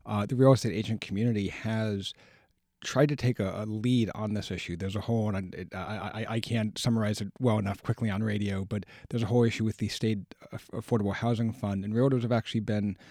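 A low-voiced man talks as a studio guest on a radio show, dry and close to the mic. He explains things in a measured way and often trips over his first words before finding the thought. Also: fairly even intonation, darkish tone, no room sound. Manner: measured, explanatory, stumbles on restarts. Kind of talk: radio talk commentary.

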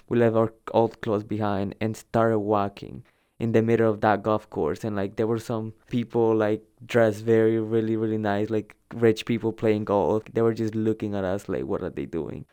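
In a warm, fairly low voice that's clear and smooth, a young adult man shares the informal tale of migrating from El Salvador. Spanish is his first language; he talks conversationally with slight hesitation, frequently doubling words to stress them.

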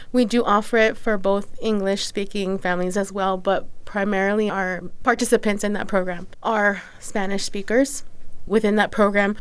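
A woman's voice: medium pitch, clear, resonant tone. A woman giving earnest, methodical explanations as an interview guest. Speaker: nonprofit executive director, interview guest.

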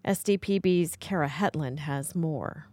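An American woman reads a scripted newscast as a radio anchor. Her pitch is slightly low for a woman, and the sound is very dry, with no room on it. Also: a little slow, a little mellow, dry recording.

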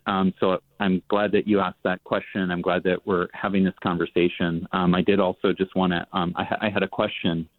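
A man calling in to a radio show over a phone line, asking earnest questions in a measured way, with frequent ums and restarts. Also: low voice, no room sound. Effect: heard over a phone line. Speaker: caller to a radio call-in show. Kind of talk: call-in questions. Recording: dry, tinny phone line.

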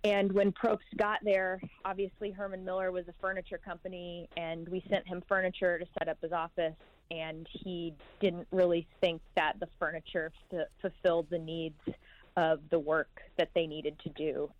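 A woman's voice: fairly low pitch, flat delivery, normal speed, no echo, muffled recording. A woman co-hosting a podcast, explaining in an easygoing narrative way. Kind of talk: casual narration.

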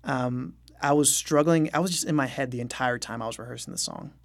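Brisk and creaky, a young man's medium-pitched voice comes through as he speaks as a musician guest in a casual interview. He's candid and self-deprecating, with light chuckles.

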